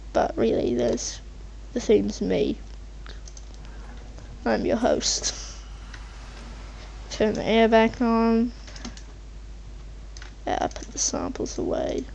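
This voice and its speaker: A woman's voice: fairly high pitch, fairly even intonation, drawn-out words, creaky, pauses often, mellow. A woman casually rambling over her gameplay as a channel host, hesitant and meandering as she thinks aloud. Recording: muffled mic with faint background noise, keyboard typing.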